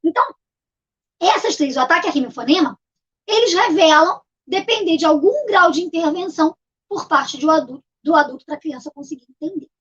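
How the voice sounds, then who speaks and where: A middle-aged woman teaching literacy in a video lesson, her voice sitting high and light. She explains patiently and goes back over each key term. The recording sounds dull and lo-fi. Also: animated, brisk, fairly bright tone. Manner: patient, repeats key terms to explain step by step.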